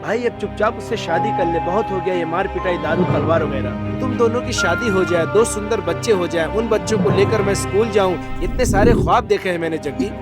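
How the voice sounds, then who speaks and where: A man's voice: high-pitched, fairly quick, hardly any pauses, loud music behind the voice, close to an everyday voice. A man dubbing a sentimental, pleading sidekick in a Hindi-dubbed action film. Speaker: loyal sidekick of the hero. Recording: dubbed dialogue over loud film score.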